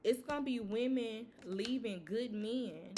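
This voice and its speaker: A woman's voice: fairly high pitch, measured pace, noisy background. A woman giving a casual tarot reading, talking loosely with lots of "you know" and some swearing. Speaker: tarot reader.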